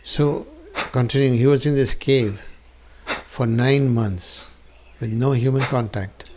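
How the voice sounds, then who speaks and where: Male yoga instructor, mid-pitched, very measured delivery, deliberate teaching with rhetorical questions, noisy recording. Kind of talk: spiritual instruction with personal anecdote. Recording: clearly noisy recording with clicks.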